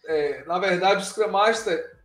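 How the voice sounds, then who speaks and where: A higher-pitched man from Bahia hosts a live online chat, speaking. He talks in a relaxed, informal way, with plenty of filler words. His voice carries a noticeable room echo. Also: unhurried. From Bahia, Brazil. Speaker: live show host. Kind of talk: casual live interview.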